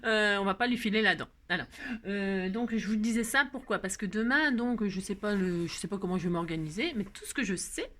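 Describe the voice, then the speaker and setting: A woman's voice: medium pitch, brisk, a bit bright. A middle-aged woman hosting a casual craft tutorial, chatty and rambling with lots of fillers and repeated words. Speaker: craft video host.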